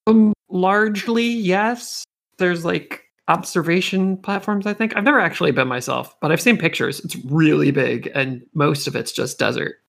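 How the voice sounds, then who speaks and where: Creaky, breezy woman playing a tabletop game. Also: fairly low pitch, moderate pace. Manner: breezy, friendly, joking. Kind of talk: casual, playful role-play chat.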